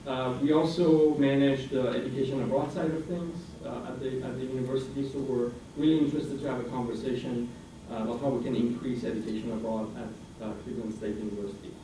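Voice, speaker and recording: An Iranian American man in his forties, raised in France, addresses a student senate in a university meeting room as a guest speaker and international center director. His medium-pitched, warm voice is steady and quick, yet hesitant with many fillers and restarts. He's recorded from afar in a roomy, noisy hall, far from the mic.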